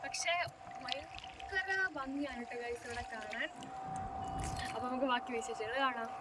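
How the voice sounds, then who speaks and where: At normal speed and with lively intonation, a woman with a voice on the high side and a northern Kerala Malayali accent vlogs about travel. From Wayanad, Kerala, India, she chats enthusiastically to viewers in Malayalam mixed with English, outdoors by backwaters, paddy fields and on a canoe, with noisy ambient sound around her.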